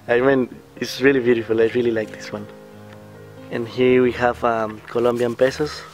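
A young man talks loosely into a close camera mic outdoors, relaxed and rambling, dropping fillers and laughs as he goes. His pitch sits at an ordinary middle height. Soft music plays faintly behind him. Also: normal speed. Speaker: student vlogger. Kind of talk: casual vlog chat. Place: outdoors beside a building.

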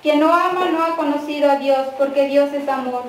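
At a quinceañera mass, the prayer leader, a high-voiced Mexican woman, recites the prayers and readings evenly and with measure. Her voice reaches the mic from far off in an echoing church, with some faint noise.

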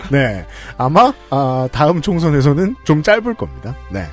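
Lively podcast host man. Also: a little high, soft background music. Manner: laughs often, quick replies. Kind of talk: casual panel chat.

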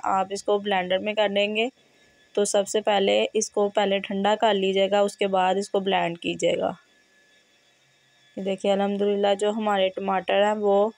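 In a dry recording, a woman with a medium-pitched voice hosts a home cooking tutorial from her kitchen. She sounds hoarse and feverish as the cooking channel host walks through steady, step-by-step instructions.

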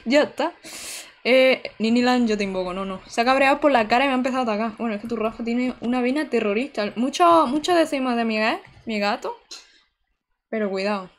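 A woman's voice: on the high side, a little fast. A young woman, chatting to her viewers while playing a game live. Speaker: streamer. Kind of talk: live gameplay commentary.

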